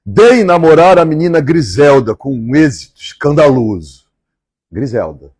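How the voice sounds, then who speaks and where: A man from Minas Gerais with a Mineiro Brazilian accent, reading a novel aloud on a live stream and pausing for chatty asides. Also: on the high side, big pitch swings, darkish tone, breathy edge, no echo, clean studio sound. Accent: Mineiro Brazilian Portuguese. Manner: measured, repeats favorite lines and chats between passages.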